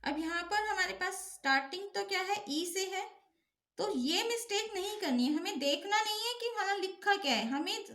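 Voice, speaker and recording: Woman, teacher, grammar lesson, high-pitched, asks and answers her own questions, roomy echo. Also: animated, moderate pace, a bit bright. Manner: keeps repeating an affirming check-in.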